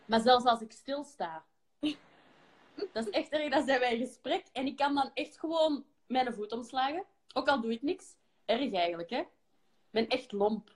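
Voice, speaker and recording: A young woman with a Flemish accent chatting on a live stream, lively and self-mocking. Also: sits high, moderate pace. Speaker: pop group member hosting a live stream. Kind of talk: casual chat. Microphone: phone on a live stream.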